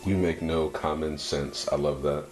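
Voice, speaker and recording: A man with a very low voice reviews a product in an easygoing, approving way. He speaks quite slowly, thinking aloud in short, broken phrases as he comments on an unboxing, with faint music in the recording. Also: fairly even intonation. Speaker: fragrance reviewer.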